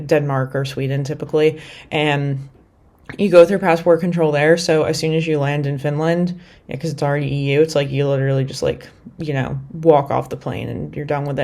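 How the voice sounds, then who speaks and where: A deep, slightly mellow voice belongs to a young woman from the U.S. vlogging about travel. Her talk is casual and meandering, with plenty of "like" and "you know" thrown in.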